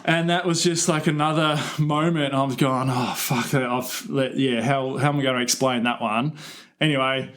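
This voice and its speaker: A man's voice: medium pitch, fairly even intonation, normal speed, a bit bright. An Australian man, a podcast co-host, telling a travel story in casual chat, swearing freely.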